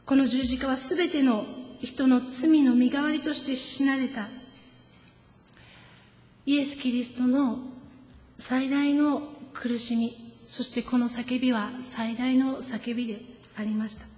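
A woman preacher, giving a sermon with gentle personal stories and slowing down for solemn points. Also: high-pitched, fairly even intonation. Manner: gentle storytelling, slows down for solemn emphasis. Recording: echoey hall with long reverb.

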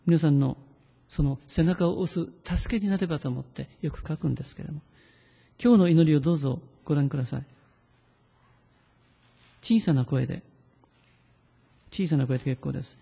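A male pastor delivers an earnest, pleading sermon in a dark, gravelly voice. Now and then he slows to lead a prayer read aloud. A long reverb from the church hall trails behind his words. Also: a little high.

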